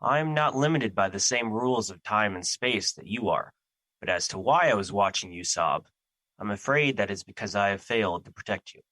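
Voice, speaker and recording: A man's voice: on the low side, expressive, normal speed, pushed and bright, no echo, poor audio. A man playing Fear as an ancient, solemn and anxious being, speaking formally and theatrically in an audio drama. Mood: regretful, earnest.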